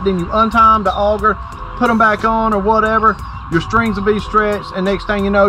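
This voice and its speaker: A middle-aged man presenting an outdoor how-to demonstration, plain-spoken and explaining step by step to viewers. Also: high-pitched. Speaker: company presenter. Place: outdoors by a driveway on a sunny rural property.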